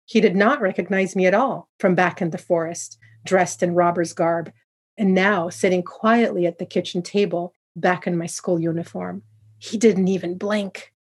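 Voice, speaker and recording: Husky-voiced woman telling a folktale. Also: lowish voice, fairly even intonation, moderate pace. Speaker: storyteller. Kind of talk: first-person folktale narration.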